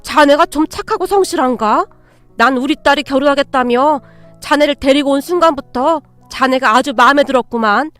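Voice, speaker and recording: A woman's voice: high voice, brisk, a bit bright, no room sound, soft background music. A woman voicing a jovial, approving older father-in-law in a storybook reading. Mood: hearty. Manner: hearty, praising.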